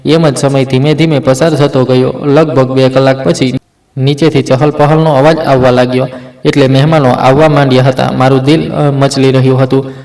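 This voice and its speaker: A man narrating a first-person story in a steady, sombre way, with small restarts. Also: medium pitch, moderate pace, creaky, reverberant, rough recording.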